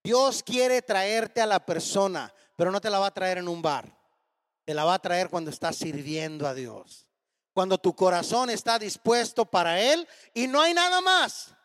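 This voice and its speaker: A man in his thirties preaches a storytelling sermon, animatedly acting out each bit of dialogue. His voice sits very high for a man. A long hall reverb trails behind every phrase. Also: lively intonation, unhurried, a bit bright. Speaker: pastor.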